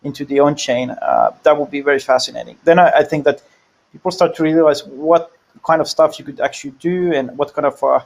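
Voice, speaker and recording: Man, gravelly voice, a bit high, halting with fillers. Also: expressive. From Finland. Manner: halting, many fillers and repeated words. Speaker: panel guest. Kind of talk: casual panel discussion.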